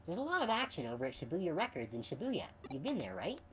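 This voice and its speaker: A woman's voice: low voice, huge pitch swings, fast talker, slight background noise. A woman streamer giving casual, wry commentary while playing a game, with game music behind her. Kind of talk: let's play commentary.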